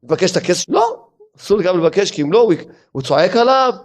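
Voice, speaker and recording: A man, a rabbi, giving a sermon as a lively story full of rhetorical questions. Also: high-pitched.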